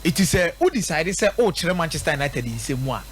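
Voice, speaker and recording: Very animated and a little fast, this fairly high-pitched man is a radio sports pundit with a Ghanaian accent. He breaks down football live, mixing local language and English and restating points rhetorically for emphasis, over a little hiss or hum.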